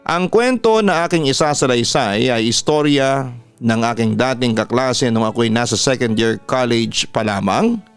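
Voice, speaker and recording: With music behind him, a man with a Filipino accent hosts on radio, reading a scripted story in the first person. His mid-range voice is animated, clear and resonant, moving at a normal speed.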